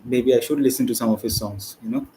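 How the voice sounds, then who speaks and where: A man's voice: mid-range voice, quick pace, slight background noise, rough recording. Chatty man hosting a cricket watchalong. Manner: rambling, chatty, slangy; excitable bursts over play. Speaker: watchalong host. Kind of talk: casual live cricket commentary.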